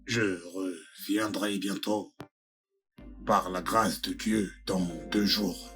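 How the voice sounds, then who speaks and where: A man's voice: low-pitched, fairly even intonation, slow pace, a bit bright, faint music behind, exaggerated voice. A man voicing a middle-aged father who apologizes and pleads in a dubbed film drama. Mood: pleading. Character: contrite middle-aged father begging forgiveness. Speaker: father apologizing for his son.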